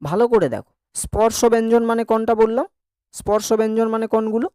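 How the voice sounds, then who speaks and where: A man's voice: high voice, fairly even intonation, fast, warm tone, smooth, no room sound, studio quality. Male teacher drilling pronunciation. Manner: repeats words to drill pronunciation; asks the class checking questions. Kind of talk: classroom lesson on Bengali grammar.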